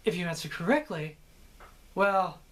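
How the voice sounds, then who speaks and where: A man's voice: high-pitched, animated, measured pace. Ramsay, a man doing a gleeful sadistic torturer. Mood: taunting. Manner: teasing, mock-friendly threats. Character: sadistic young male torturer, gleeful and menacing.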